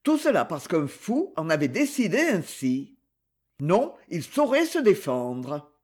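A man reading a crime novel aloud as an audiobook narrator, in a dramatic, expressive way. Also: on the high side, slow.

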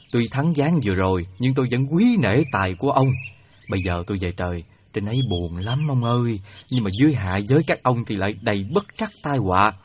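An actor playing a heavenly god disguised as an old beggar, speaking in a slow, halting, sly way. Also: male voice, on the low side, slight background noise, close to an everyday voice. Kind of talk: radio play acting.

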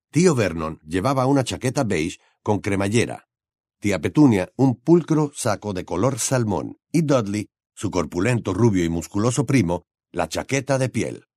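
A man narrating an audiobook in an expressive storytelling style. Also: lowish voice, dry recording, clean studio sound.

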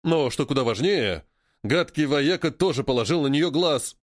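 A man's voice: on the high side, moderate pace, no room sound, clean studio sound. A man narrating an audiobook and voicing its characters. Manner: lively, voicing many characters.

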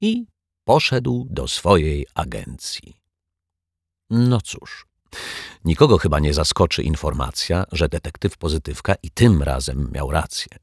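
A man reading a children's story aloud with expressive storytelling. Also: very deep voice, measured pace, husky, dry recording, studio quality. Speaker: narrator.

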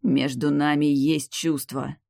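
A man voicing a forceful young nobleman who growls and insists, in an audiobook read in his own voice. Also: fairly high pitch, fairly even intonation, slow pace, gravelly, dry recording, clean studio sound. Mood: insistent.

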